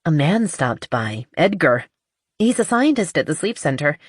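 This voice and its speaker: A woman doing a young woman character, emphatic, raised pitch, husky tone, dry close sound. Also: sing-song, normal speed, no echo, full character voice. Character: flustered young woman, then sweetly teasing. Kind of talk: audiobook character voice.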